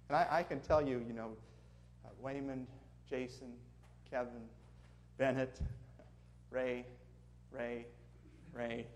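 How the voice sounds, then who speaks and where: In a church sanctuary, a man from Minnesota preaches to the congregation as a guest, weaving prayer and storytelling into his sermon. His Minnesotan-accented voice is medium in pitch and fairly even, and he speaks slowly with frequent pauses. He comes across as earnest and friendly, adding chuckling asides, over slight background noise.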